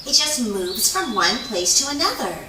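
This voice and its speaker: A woman's voice: a little high, big pitch swings, normal speed, pushed and bright, a little hiss or hum. A woman voicing a showy, wise male otter who teaches theatrically in a children's puppet show. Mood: grand, encouraging. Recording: echoey, distant microphone.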